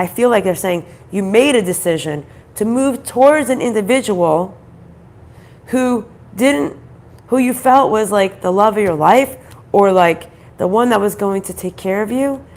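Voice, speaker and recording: A woman with a groggy, croaky voice from a troubled throat, doing a conversational card reading in halting, repeated phrases and questions. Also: medium pitch, darkish tone. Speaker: spiritual card reader, host.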